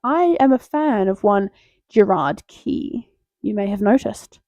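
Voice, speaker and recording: A woman's voice: mid-range voice, animated, a little slow, warm tone, dry recording. Young female host, playful self-interrupting chatter, close dry lo-fi sound. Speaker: tier list video host. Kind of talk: casual rambling commentary.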